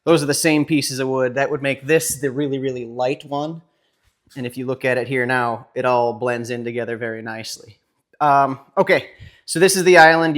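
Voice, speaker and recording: A man hosting a woodworking channel, casually showing cabinet work while filming one-handed, chatty and talking to himself now and then. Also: medium pitch. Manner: relaxed, chatty, self-talk while filming.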